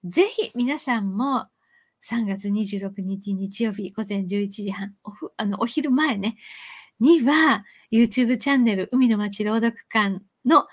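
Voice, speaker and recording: A woman hosting a live-stream lesson on reading aloud, talking with lively emphasis, stretching some words and rushing through asides. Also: mid-range voice. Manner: lively and animated, with sudden loud chanted demonstrations.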